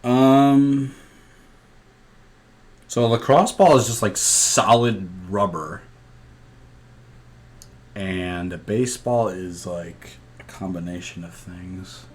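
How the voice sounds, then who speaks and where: A young man co-hosting a casual podcast, talking in a relaxed, hesitant way with many ums. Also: fairly low pitch, slow pace, pauses often. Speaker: podcast co-host. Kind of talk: casual chat.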